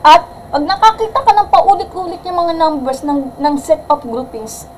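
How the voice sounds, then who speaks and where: A woman math teacher giving a live-streamed algebra lesson in a loud voice that sounds angry, mixing English terms in and checking with "gets?". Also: high voice, expressive, normal speed, a little hiss or hum, low-quality recording. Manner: mixes English terms into Filipino, asks "gets?".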